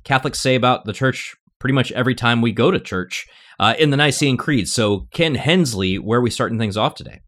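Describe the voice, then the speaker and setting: A man's voice: medium pitch, expressive, a little fast, a bit bright. A man hosting a podcast, chatting casually in a jokey, self-deprecating way. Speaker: podcast host. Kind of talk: casual conversation.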